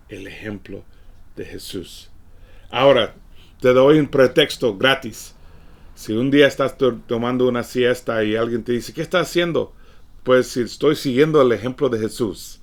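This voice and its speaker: A man delivers a livestreamed sermon in a chatty, storytelling tone. He often repeats himself and keeps saying "fíjate". His voice drops to soft asides and then rises into emphatic, pointed questions. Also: medium pitch. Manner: conversational preaching, frequent "fíjate" and repeated words; swings from quiet asides to emphatic raised lines. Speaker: pastor. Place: church or studio, livestreamed.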